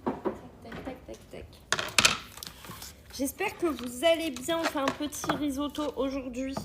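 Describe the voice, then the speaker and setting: Chatty high-voiced woman hosting a live cooking stream. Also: unhurried, noisy background. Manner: chatty, greets viewers often, reads comments aloud. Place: Thermomix agency kitchen.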